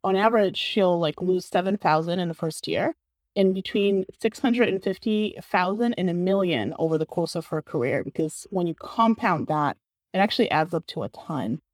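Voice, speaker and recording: A Bulgarian woman is a guest in an interview in San Francisco, speaking earnestly and casually with plenty of "like" as filler. Her voice is on the low side at a normal speed, and there's no room sound.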